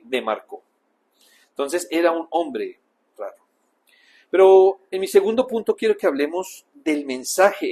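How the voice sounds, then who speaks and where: A man with a Colombian Spanish accent preaching a sermon in church, in a conversational way that swings between loud emphasis and quiet asides. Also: mid-range voice. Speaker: pastor.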